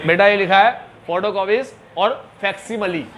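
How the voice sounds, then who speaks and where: A man's voice: high-pitched, normal speed, a bit bright, slight background noise. A man teaching a class, chatty and joking, mixing Hindi and English terms. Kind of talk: classroom lecture.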